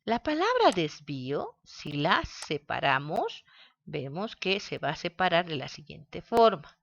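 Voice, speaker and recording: A woman teaching a grammar lesson, speaking slowly and spelling words out syllable by syllable. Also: low-pitched, lively intonation, gravelly, lo-fi sound. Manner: slow, deliberate, spells out syllables.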